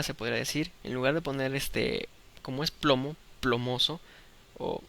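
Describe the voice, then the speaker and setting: Gravelly, bright-voiced man teaching chemistry. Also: medium pitch. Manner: patient, checks understanding with "¿de acuerdo?". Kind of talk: explanatory online lesson.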